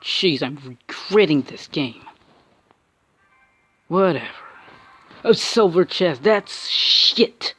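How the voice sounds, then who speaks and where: A man's voice: a little high, expressive, slow pace, pauses often, husky, no echo, soft background music. Angry young-sounding man ranting over gameplay. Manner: frustrated ranting with frequent cursing and restarts. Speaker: mobile game player.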